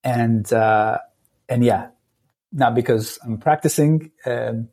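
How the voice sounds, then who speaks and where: This podcast guest from Turkey, a man in his late thirties with a Turkish accent, talks thoughtfully in a casual interview, frequently stopping to search for words. His voice sits in the mid range, with a darkish tone and a breathy edge.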